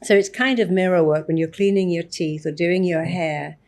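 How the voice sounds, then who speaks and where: A woman therapist on a podcast interview, talking in an animated way and acting out examples of self-talk. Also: on the low side, normal speed. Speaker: therapist guest.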